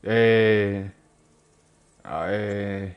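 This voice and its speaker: A man's voice: lowish voice, steady tone, drawn-out words, clean tone, dull audio. A man with a Glasgow street accent chats casually as he plays a game. He rambles along in local slang, with cheeky, sweary banter aimed at whoever is in front of him. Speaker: gaming streamer. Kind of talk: casual gameplay commentary, rambling chat.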